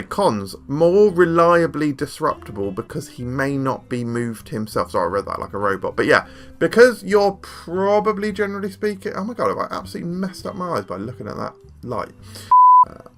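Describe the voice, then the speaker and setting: A man's voice: mid-range voice, sharp tone. A young man hosting a casual card game review, jokey and rambling, often poking fun at himself. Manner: jokey, rambling, self-deprecating. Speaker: card game video host.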